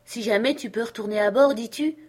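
A woman's voice: fairly high pitch, fairly quick, a little mellow, slightly rough, pitched above the performer's own voice. Woman reader as a wild old castaway man, eager and rambling. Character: ragged half-mad old male castaway, excitable.

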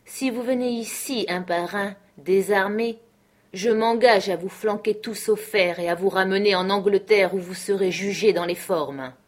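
A woman's voice: medium pitch, normal speed, voice pushed up, lightly acted. A woman voicing a stern male ship captain who gives firm, clipped commands in an audiobook.

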